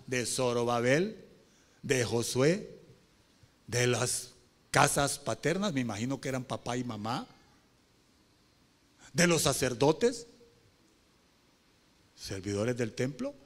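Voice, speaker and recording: A man preaching a sermon as pastor, moving from low talk to shouted pleas and calling on the congregation with questions. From Honduras.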